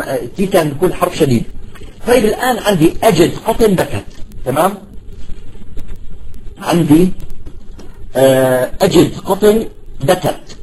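A man's voice: on the high side, a little mellow, a little hiss or hum, rough recording. A man teaching an informal lesson, explaining patiently, often checking that his listeners follow, and repeating and stretching out example words. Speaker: Arabic language teacher.

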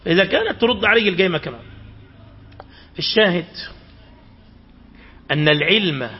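A man's voice: high-pitched, expressive, brisk, slightly rough, highs cut off. A man with an Egyptian accent giving a religious lesson, retelling stories and throwing rhetorical questions at his listeners. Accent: Egyptian Arabic. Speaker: preacher.

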